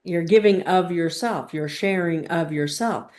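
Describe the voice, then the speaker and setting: In a fairly low, somewhat dark voice, a woman leads a session of spiritual teaching. Her phrasing is careful and halting, punctuated by pointed pauses and questions that steer her listeners.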